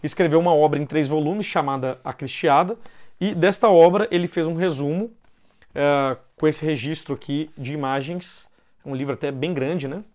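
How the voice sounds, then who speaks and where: A man's voice: on the high side, darkish tone. A man with a Brazilian Portuguese accent, giving an informal explanatory talk and often ending phrases with a questioning "né". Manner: loosely paced with pauses and restarts.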